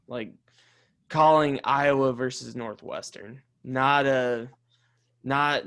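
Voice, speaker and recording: A man co-hosting a casual sports podcast, talking emphatically and reacting with quick disbelief. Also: mid-range voice, fairly bright tone. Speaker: podcast co-host.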